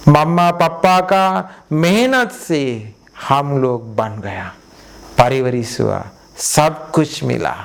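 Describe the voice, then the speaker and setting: A man's voice: mid-range voice, creaky. A man from Sri Lanka, a Buddhist monk giving a sermon in simple, Hindi and repeating his phrases for emphasis.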